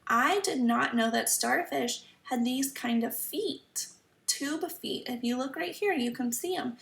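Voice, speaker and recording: High-pitched woman, kids show host, creaky edge. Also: unhurried, fairly bright tone. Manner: kids show host, addressing children with questions and simple explanations. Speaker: children's teacher reading a picture book aloud. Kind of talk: children's story time read-aloud lesson. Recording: roomy echo, slightly distant mic.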